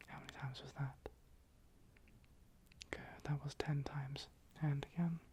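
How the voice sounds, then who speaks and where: Someone in a whispered role-play as a calm, attentive clinic assessor, giving instructions softly and breathily and gently repeating phrases. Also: medium pitch, a little slow, slight background noise. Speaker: ASMR performer.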